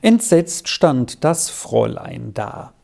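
An audiobook reader narrating a children's story in an expressive, storytelling way. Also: mid-range voice, takes it slowly, gravelly.

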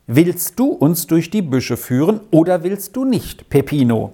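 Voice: medium pitch, sing-song, measured pace, warm tone, voice pushed up. A reader voicing an insistent, well-off lady traveler who scolds and commands in an audiobook story. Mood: annoyed. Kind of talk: audiobook reading.

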